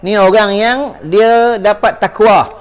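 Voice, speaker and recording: A man's voice: sits high, fairly even intonation, slow. A man with a Malaysian Malay accent giving a religious lecture, repeating phrases and calling out to his listeners. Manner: preachy, repeats phrases, addresses audience as tuan-tuan. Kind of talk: sermon.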